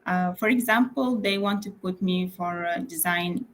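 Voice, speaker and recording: A young woman raised in Malaysia talks casually about her work as an interior architect in an interview over a video call. Her voice is on the low side and her pace moderate, and she uses many fillers and restarts.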